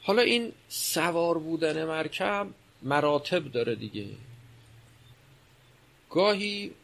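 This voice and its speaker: A man's voice: fairly high pitch, lively intonation, creaky, a bit bright. A man giving a religious lecture, explaining and posing rhetorical questions. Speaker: religious speaker.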